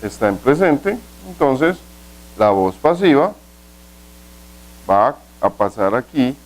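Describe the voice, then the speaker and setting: Male language teacher, mid pitch, patient, step-by-step video lesson, with rhetorical questions and slowly spelled-out examples. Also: big pitch swings, rough recording. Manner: explains step by step, asks rhetorical questions, slows down for example sentences. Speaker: English teacher.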